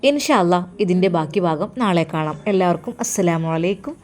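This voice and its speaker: A woman narrating a scripted story in a gentle, earnest reading voice. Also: on the low side, animated, a little fast.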